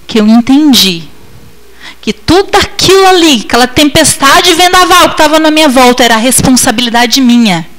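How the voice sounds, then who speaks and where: High-voiced woman preaching testimony. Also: fairly bright tone, low-quality recording. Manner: emotional, dramatic swings in pitch and volume, acts out her own past replies. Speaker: missionary preacher. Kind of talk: testimony sermon.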